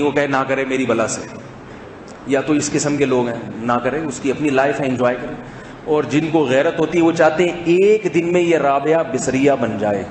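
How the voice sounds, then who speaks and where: Man preaching in an echoey hall. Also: on the high side. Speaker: religious preacher. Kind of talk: informal sermon to a gathering. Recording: echoey hall, faint background hum.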